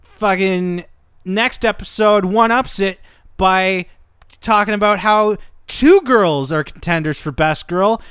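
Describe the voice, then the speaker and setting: A man's voice: high voice, takes it slowly, fairly bright tone, smooth, dry recording, clean studio sound. A man co-hosting a casual anime discussion podcast, enthusiastic and swearing freely. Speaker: podcast co-host.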